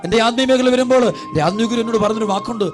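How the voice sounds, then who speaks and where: Priest, Kerala Malayalam accent, high voice, rapid repetitive sermon delivery over faint music. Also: male voice. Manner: repetitive, pleading cadence, drops low and soft for prayers; addresses listeners as children. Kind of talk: devotional sermon with prayer.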